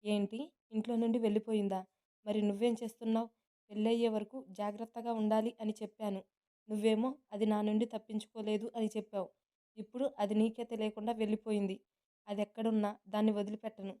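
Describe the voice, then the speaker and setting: A woman's voice: mid-range voice, level tone, fast, warm tone, natural voice. A woman narrator voicing an obsessive, hot-tempered young man who speaks aggressively and makes threats. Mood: angry.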